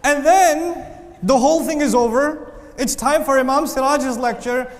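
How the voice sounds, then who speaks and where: A man giving a lively Islamic lesson, telling stories with acted-out voices, recorded in a reverberant lecture hall. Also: very high-pitched, unhurried. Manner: animated storytelling with voices and jokes. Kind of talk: lively religious talk. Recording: reverberant hall with faint noise.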